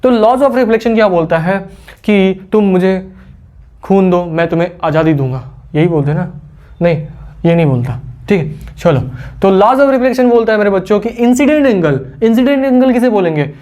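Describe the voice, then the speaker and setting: A man's voice: high voice, expressive, normal speed, a little mellow. Playful man teaching a physics class. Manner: playful, teasing asides to imagined students; repeats key terms, quizzes the class.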